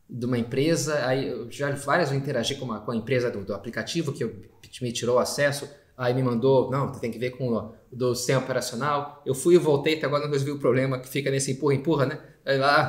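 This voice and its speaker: A man, a priest, giving a spoken meditation in a casual, conversational way with slangy asides and frequent tag questions. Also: mid-range voice. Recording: echoey room.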